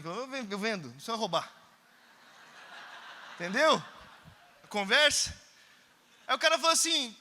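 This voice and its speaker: A male preacher tells a story in a conference sermon, acting out the dialogue and shouting at the peaks. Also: very high-pitched, a little hiss or hum. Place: large church hall. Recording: reverberant church hall.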